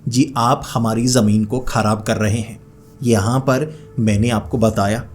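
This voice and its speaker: A man voicing a polite boy who speaks softly and respectfully, pleading with someone. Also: mid-range voice, steady tone, measured pace, a little hiss or hum, natural voice.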